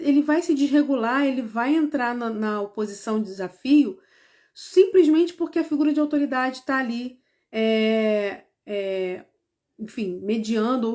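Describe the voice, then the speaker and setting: A Brazilian woman with a fairly high voice talks parents through everyday situations in a casual, explanatory tone. She speaks conversationally, with lots of tag questions and restarts, and now and then briefly acts out both sides of a parent and child exchange. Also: warm tone. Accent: Brazilian Portuguese. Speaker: parenting educator.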